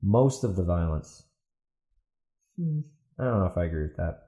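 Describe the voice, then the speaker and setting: This podcast host's voice is low, mellow and sing-song, moving at a normal pace. Alone on his show, he delivers a blunt, exasperated, combative rant, reading out part of a post and going over the same points again. The audio is muffled, roomy and echoey.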